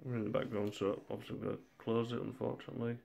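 A man with a cold talking through a screen tutorial in a monotone, laid-back way. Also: lowish voice, rapid-fire, gravelly. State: has a cold. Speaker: tutorial maker.

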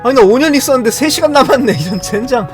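Excitable high-pitched male gaming streamer. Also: fast, soft background music. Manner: excitable, repeats phrases. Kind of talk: live gameplay commentary.

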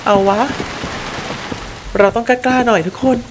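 A young woman livestreams a horror game, chatting excitably with her viewers, swearing freely and squealing whenever something scares her. Her voice is on the high side and a little slow, with background noise audible.

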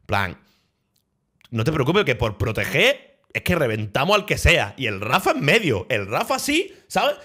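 This young streamer from Spain has a husky, mid-range voice and a measured pace. In casual chat he tells a travel story with a Spanish accent, animated, laughing and swearing.

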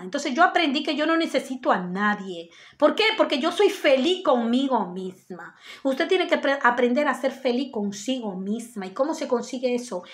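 A woman gives a spiritual self-help talk. She speaks earnestly and straight to her viewers, and she circles back to the same points again and again. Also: sits high. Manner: earnest, repetitive, addresses viewers directly. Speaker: spiritual guide.

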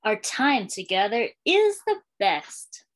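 Taking it slowly, a woman in her thirties, a school librarian, reads to young children in a medium-pitched, sing-song voice. The recording is rough, made in a small room with bookshelves and a curtain, where she tells the picture book story with a lilt.

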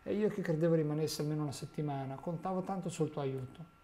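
A man's voice: a little high, fast talker, warm tone, close to an everyday voice. A man reading as a young male hobbit who asks bewildered, worried questions. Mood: puzzled.

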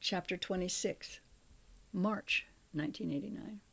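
An older woman, the author, reading her memoir aloud as an audiobook in a measured, expressive way. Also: fairly low pitch, vocal fry, breathy edge.

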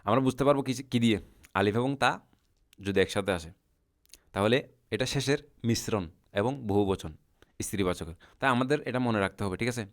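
Low-voiced man teaching Arabic word endings. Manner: patient, repeats words slowly for students. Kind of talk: recorded lesson explaining a chart.

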